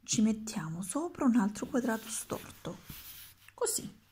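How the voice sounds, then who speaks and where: A woman's voice: fairly high pitch, sing-song, unhurried, warm tone, slightly rough, pitched above the performer's own voice, heavily acted. A woman voicing an impatient old male wizard of numbers in a storybook, by turns coaxing and triumphant.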